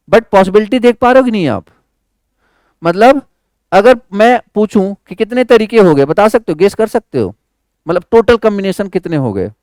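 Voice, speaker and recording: A man gives an electronics lecture in a high, smooth voice. He keeps asking the class questions and answering them himself, switching into English for the technical words. The recording is close and dry. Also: a little mellow, dry recording. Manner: quizzes students with repeated questions; mixes English terms into Hindi. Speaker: electronics teacher.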